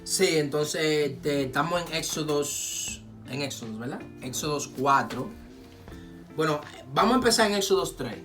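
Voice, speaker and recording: A man preaching in a casual conversation, telling a scripture story with lively acted-out dialogue and urging his listeners on. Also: on the high side, unhurried. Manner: animated storytelling, acts out dialogue, exhorts listeners. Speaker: co-host of a faith talk show. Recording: phone recording with guitar music behind.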